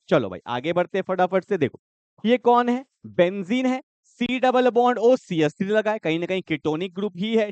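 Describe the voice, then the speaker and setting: Man, chemistry teacher, high lively voice, smooth and clear, quizzes students, dry slightly dull recording. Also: no room sound. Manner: animated, quizzing students with repeated questions. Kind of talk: exam-prep lecture.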